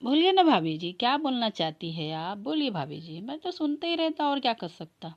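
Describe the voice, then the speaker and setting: A woman's voice: fairly high pitch, sing-song, moderate pace, dull audio, pitched above the performer's own voice. Woman doing a cheeky young brother-in-law. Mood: teasing. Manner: teasing, later pleading. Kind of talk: comic family skit.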